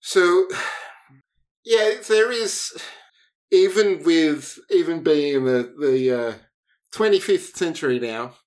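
Male game master for a sci-fi tabletop game; slow, hesitant delivery with many pauses. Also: on the high side. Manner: halting, thinking aloud with fillers.

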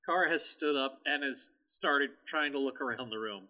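A man's voice: medium pitch, moderate pace, sharp tone. A man playing a tabletop role-play game, narrating his character's actions. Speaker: player.

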